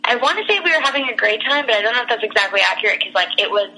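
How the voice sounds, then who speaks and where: A woman's voice: fairly high pitch, lively intonation, racing, sharp tone, low-quality recording. A young woman casually telling a long personal story, rambling with lots of fillers and restarts and laughing as she goes. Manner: laughs through her story.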